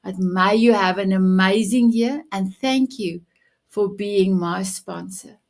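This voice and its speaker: A woman with Afrikaans as her first language hosts a live-streamed motivational show, upbeat and affirming and full of endearments. Her mid-range voice is gravelly and a little mellow, and she speaks slowly.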